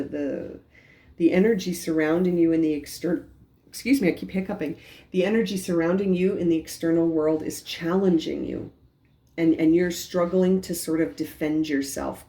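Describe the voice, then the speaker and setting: A woman giving a tarot reading for a star sign, talking gently with many restarts and repeated phrases. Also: on the low side. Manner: gentle, repetitive, frequent restarts. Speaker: tarot reader.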